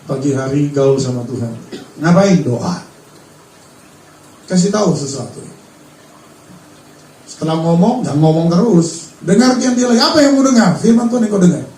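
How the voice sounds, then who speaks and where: A man's voice: on the high side, expressive, normal speed, pauses often, warm tone, slight background noise. A male pastor preaching a sermon, emphatic and full of rhetorical questions, recorded from a distance in a church hall. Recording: roomy hall sound from far off.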